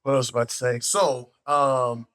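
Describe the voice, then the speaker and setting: A man from Arkansas, co-hosting a casual interview and asking questions in a relaxed, conversational way. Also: medium pitch, fairly quick. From Camden, Arkansas, USA. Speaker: co-host, interviewer.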